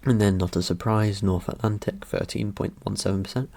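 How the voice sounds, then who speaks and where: A young man talks casually through his results. His voice sits fairly low with a soft, mellow tone. He rambles, cracks dry jokes and leans on plenty of ums and uhs. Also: fairly quick, vocal fry. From Britain. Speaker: vlogger. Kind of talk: casual commentary over results.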